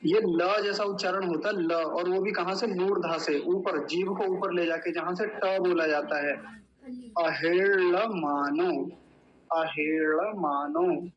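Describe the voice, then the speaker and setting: A man teaching Sanskrit mantra pronunciation in an online class, chanting slowly and deliberately syllable by syllable. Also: high voice, fairly even intonation, lo-fi sound.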